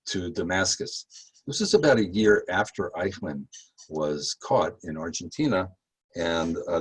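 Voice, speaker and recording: A man with a lowish, husky voice leads a history tour. He talks in a loose, halting way, full of fillers and restarts. His voice climbs sharply when he gets emphatic. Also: low-quality recording. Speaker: tour guide. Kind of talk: guided history talk.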